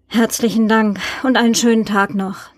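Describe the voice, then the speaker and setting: A woman's voice: a little high, level tone, normal speed, no echo, lightly acted. A woman reading a polite male journalist. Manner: polite, businesslike questioning.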